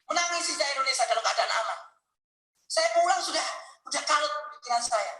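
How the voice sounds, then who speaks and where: Male preacher, emotional storytelling sermon, bright tense voice, roomy echo. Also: very high-pitched, animated, a little fast. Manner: emotional, earnest storytelling, addresses listeners directly. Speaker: Islamic preacher. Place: mosque hall.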